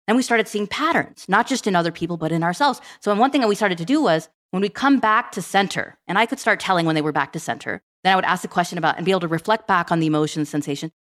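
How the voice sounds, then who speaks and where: A middle-aged woman telling stories as a podcast guest, acting out quoted dialogue as she goes. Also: lowish voice. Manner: fast, animated storytelling with quoted dialogue. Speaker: guest, program management director. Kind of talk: storytelling in a podcast interview.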